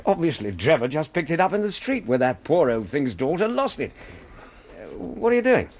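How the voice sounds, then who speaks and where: Doctor Watson, an expressive British gentleman. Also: fairly high pitch, moderate pace. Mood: amused, then incredulous. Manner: polite, well-spoken, expressive. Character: genial, incredulous gentleman doctor, loyal companion. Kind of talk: radio drama acting.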